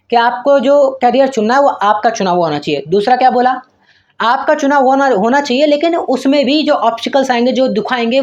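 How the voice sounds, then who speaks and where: A man's voice: very high-pitched, highs cut off. A man giving casual career advice to his viewers in a raw, unedited video, joking, slangy, and calling them brother. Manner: self-deprecating, rambling with restarts. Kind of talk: casual motivational talk to camera.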